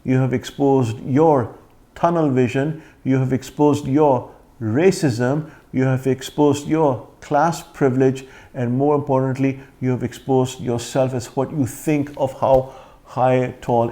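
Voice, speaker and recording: A man's voice: mid-range voice, fairly even intonation, a little slow, mellow. A man with an accent giving an indignant rebuttal vlog, confronting his critic directly. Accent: foreign accent. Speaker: vlogger.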